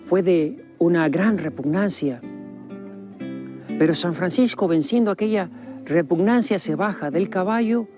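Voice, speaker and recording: A man with a fairly high voice narrates a documentary in a solemn, measured way, pausing for weight. Clear plucked guitar music plays under his studio voice-over. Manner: solemn, measured, with dramatic pauses.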